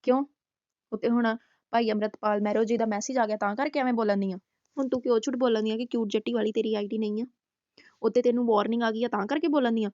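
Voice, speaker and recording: A woman roasts someone in a taunting, scolding way, firing off rhetorical questions. Her voice sits fairly high but sounds mellow and warm. The recording is dry and a little dull, like a lo-fi voice track. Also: steady tone, fast, no room sound. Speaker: YouTube roast host.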